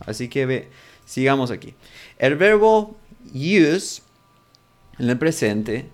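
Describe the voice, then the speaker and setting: A man teaching a language lesson, patiently working through examples and checking in often with his students. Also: mid-range voice. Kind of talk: explaining a lesson.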